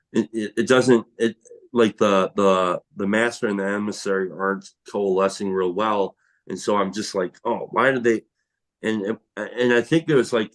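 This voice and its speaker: A man talking casually and reflectively about creative work, rambling with frequent restarts and fillers. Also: fairly low pitch. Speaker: tile worker who makes videos. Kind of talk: casual conversation.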